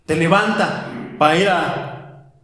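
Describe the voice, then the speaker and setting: A man preaching a sermon as pastor, animated, firing rhetorical questions and calling listeners "my brother". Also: a little high, slow pace. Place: church hall. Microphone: handheld microphone. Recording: very echoey church hall.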